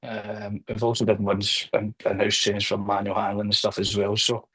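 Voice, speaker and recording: A man with a Glaswegian accent, talking through his workplace training and risk assessment work in an interview, hesitant with many pauses and restarts. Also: on the low side, completely flat delivery, a bit bright, slightly rough, low-quality recording. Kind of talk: conversational professional discussion.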